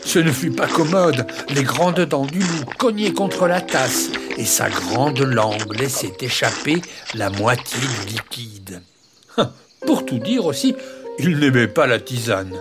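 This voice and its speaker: Lively, expressive children's storyteller. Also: medium pitch, slow pace. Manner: lively, expressive reading with playful asides. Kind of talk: children's story read aloud. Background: background music.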